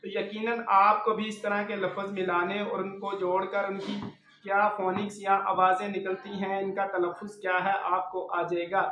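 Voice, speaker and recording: A man's voice: high-pitched, completely flat delivery, normal speed, sharp tone, slight background noise. A man teaching a children's reading lesson, sounding out each letter and repeating every word for young learners. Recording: roomy, slightly dull recording.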